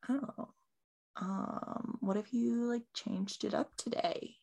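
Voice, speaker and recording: Lady playing a lazy young schemer in a tabletop game, offhand, slow, bit of fry. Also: medium pitch, fairly even intonation, dark tone. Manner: casual, offhand.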